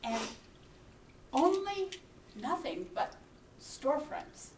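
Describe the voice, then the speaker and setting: A woman minister preaching, telling a personal story and acting out her own shouts and whispers. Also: sits high, big pitch swings, takes it slowly, reverberant, recorded from a distance, slight background noise. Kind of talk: sermon storytelling. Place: church hall.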